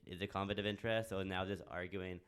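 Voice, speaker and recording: A student councillor tentatively asking a question during question period. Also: male voice, low voice, steady tone, quick pace, a bit bright, clear, resonant tone. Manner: wondering aloud, tentative.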